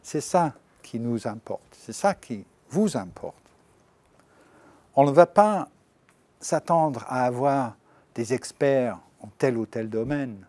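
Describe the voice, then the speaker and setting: A man's voice: medium pitch, lively intonation, slow pace, mellow, no echo. A middle-aged man giving an informal presentation to exam candidates, chatty, with joking asides and slips into English. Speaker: language centre director presenting exam.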